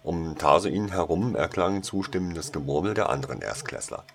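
A man reading a story aloud as a calm, even narrator. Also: low voice, moderate pace, vocal fry, slight background noise.

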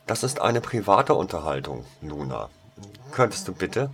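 A man's voice: lowish voice, sing-song, moderate pace, voice pushed up. A man voicing a cheerful, tomboyish teenage schoolgirl who teases and giggles in a raised voice. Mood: playful. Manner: giggly, teasing.

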